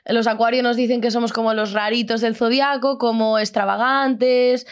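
A woman's voice: on the high side, little pitch movement, moderate pace, clear, resonant tone. A woman hosting a podcast, chatting casually and playfully. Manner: chatty, playful, explains astrology. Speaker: podcast host. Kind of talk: casual chat.

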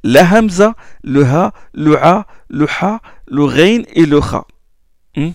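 A man teaching pronunciation in a slow, patient spoken lesson, repeating each sound for listeners to copy. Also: a little high, expressive, darkish tone, dry recording, clean studio sound. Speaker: Quran recitation teacher.

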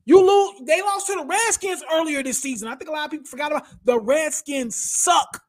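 A man's voice: very high-pitched, brisk. A man hosting a casual sports talk show, blunt and opinionated, who often says "bro" and "y'all". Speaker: podcast host.

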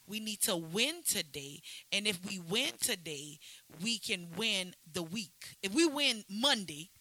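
A woman's voice: medium pitch, lively intonation, unhurried, pushed and bright, low-quality recording. A woman hosting a podcast, speaking in a motivational, rhythmic way in casual chat. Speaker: podcast host.

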